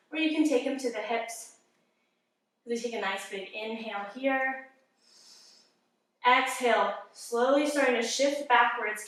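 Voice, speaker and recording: A woman yoga instructor calmly guiding a workout, giving encouraging breath cues and sounding slightly out of breath. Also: a little high. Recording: very echoey room, mic at a distance.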